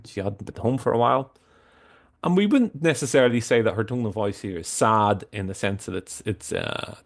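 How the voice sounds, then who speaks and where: Guy walking through a software demo, lowish gravelly voice, keeps restarting his sentences. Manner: halting, explanatory, frequent restarts. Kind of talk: screen-share tutorial explanation.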